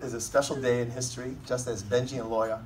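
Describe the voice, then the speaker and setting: A man gives a comedic best man's speech at a wedding, joking, teasing and informal. His mid-range voice is level and fast, captured by a distant mic in a noisy room.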